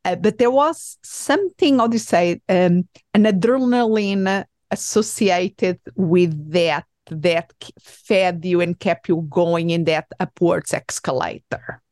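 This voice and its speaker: Portuguese-accented woman host, low voice. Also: slow, few pauses, darkish tone, dry recording, studio quality. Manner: hesitant, many fillers and restarts. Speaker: podcast host. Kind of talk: conversational interview.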